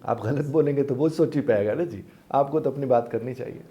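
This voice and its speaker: A man working as a life coach explains things patiently and politely, often addressing his listeners as sir. His voice sits mellow and warm at an ordinary middle pitch. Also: highs cut off.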